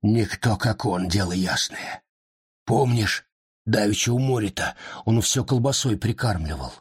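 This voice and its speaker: A man voicing an old male street performer who pleads helplessly, with a croaky falsetto when he calls out. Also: expressive, normal speed, no room sound, studio quality. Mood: dismayed, helpless. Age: older.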